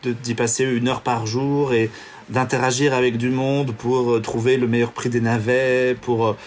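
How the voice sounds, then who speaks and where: A man's voice: medium pitch, level tone, moderate pace, a little hiss or hum. Man co-hosting, explaining at length. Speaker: podcast co-host. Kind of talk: casual chat.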